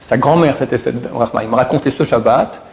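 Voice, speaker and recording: A man's voice: mid-range voice, creaky, a little mellow. A middle-aged man casually retelling religious miracle stories, often stumbling and repeating words as he goes. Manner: halting, repeats and restarts words. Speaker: storyteller.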